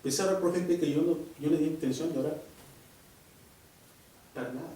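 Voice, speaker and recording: A man preaching a sermon at church, emphatic and animated, often dropping into a hushed voice as he tells a personal testimony. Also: a little high, fast. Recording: very echoey church hall from far off.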